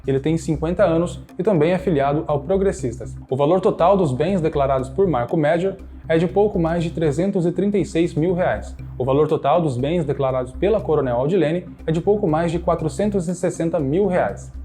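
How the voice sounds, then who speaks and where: A man narrating a scripted radio news profile in a brisk, read-out delivery. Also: on the high side, mellow, faint music behind.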